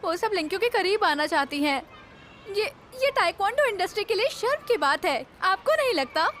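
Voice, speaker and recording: A high-pitched scolding young manager. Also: female voice, animated, moderate pace, slight background noise. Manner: scolding, indignant. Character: sharp-tongued young woman manager, protective. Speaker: studio manager. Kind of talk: Hindi dub of a TV drama.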